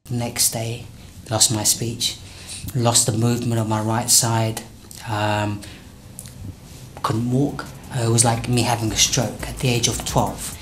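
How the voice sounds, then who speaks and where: A man in his late twenties from England, speaking quietly and haltingly in an interview indoors. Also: mid-range voice, level tone, a little hiss or hum. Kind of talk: recounting a past attack in an interview. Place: indoors at a youth project.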